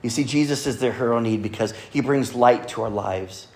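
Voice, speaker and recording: A man preaching a Sunday sermon to a congregation, earnestly quoting scripture and often dropping to a soft, quiet delivery. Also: mid-range voice, normal speed. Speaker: pastor. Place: church service with congregation.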